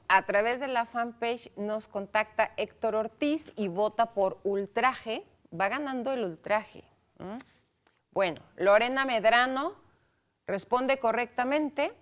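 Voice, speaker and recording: A woman's voice: fairly high pitch, takes it slowly, fairly bright tone. Chatty woman hosting a radio show. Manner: chatty, reads out listener calls and votes. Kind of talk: cultural radio talk show.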